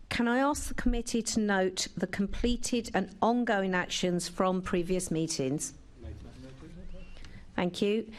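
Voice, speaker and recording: Woman chairing a formal committee meeting. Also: mid-range voice. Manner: formal and procedural, with occasional hesitant restarts. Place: council committee chamber.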